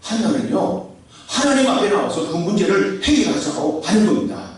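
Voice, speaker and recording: A man's voice: sits high, very animated, normal speed. Male pastor, emphatic sermon delivery, strong church hall reverb. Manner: emphatic preaching, calls the congregation to say amen. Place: large echoey church sanctuary. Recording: very echoey hall, voice from far off the mic.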